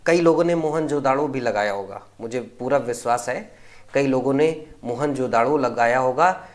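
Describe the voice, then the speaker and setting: Young male tutor, explanatory quiz walkthrough, mid-pitched, often checking in with listeners. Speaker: exam prep teacher. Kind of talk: recorded quiz lesson walkthrough.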